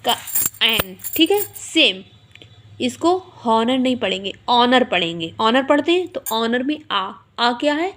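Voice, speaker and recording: Woman teacher explaining grammar slowly. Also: on the high side, lively intonation, a bit bright. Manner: slow, repetitive explaining, spells words letter by letter. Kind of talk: Hindi grammar lesson explaining English articles.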